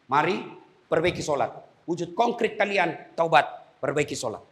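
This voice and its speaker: A man preaching a humorous sermon to inmates in an animated, emphatic style. His voice is bright and forceful and sits slightly high, and he talks to his listeners directly and bluntly. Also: normal speed. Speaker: Islamic preacher.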